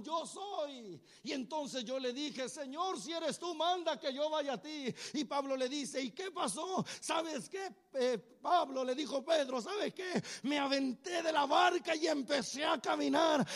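A male preacher telling a sermon as a dramatized story, acting out the voices of its characters and swinging between hushed lines and shouts. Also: very high voice.

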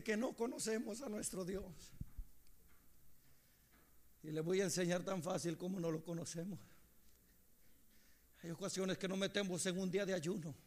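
A man preaching a sermon, moving between hushed storytelling and impassioned shouting. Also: high-pitched.

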